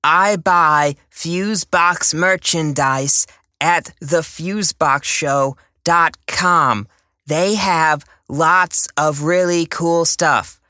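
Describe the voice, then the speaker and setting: A woman's voice: deep voice, bright, forceful tone, dry recording, studio quality, full character voice. A woman voicing a naive, eager teenage boy with gee-whiz politeness in a parody radio advert.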